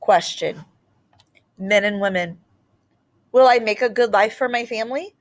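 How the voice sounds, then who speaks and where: Her mid-range voice carries a picture book reading full of expression. The storyteller works in brief, careful phrases, pausing dramatically and now and then slipping in an aside.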